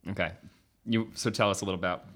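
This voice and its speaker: A man's voice: on the low side, steady tone, fast, a bit bright. A man hosting a casual podcast chat, rambling and laughing often. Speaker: podcast host.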